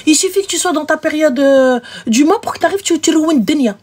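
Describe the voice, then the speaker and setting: A woman hosting a live show, giving frank, animated relationship advice and acting out little scenes. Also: sits high, fairly quick. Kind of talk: casual advice chat.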